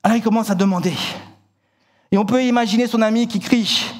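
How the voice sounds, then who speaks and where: A man preaching a sermon in church, telling a story vividly and acting out the shouted lines, often repeating words and restarting. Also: high voice, fairly even intonation, brisk.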